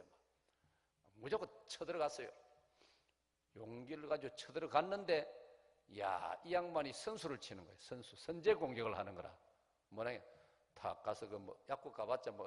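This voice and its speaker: A middle-aged pastor with a Gyeongsang accent preaches at a revival meeting. His voice sits at an ordinary middle pitch, and he tells his story with lively asides to the congregation. A long church reverb hangs behind every phrase. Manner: animated storytelling, acts out quoted voices, asks the congregation questions. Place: large church sanctuary.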